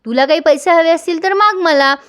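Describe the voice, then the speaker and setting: A woman's voice: very high-pitched, fairly quick, pitched above the performer's own voice. A woman voicing a sly, scheming middle-aged woman who taunts in a sweetly sarcastic tone. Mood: taunting.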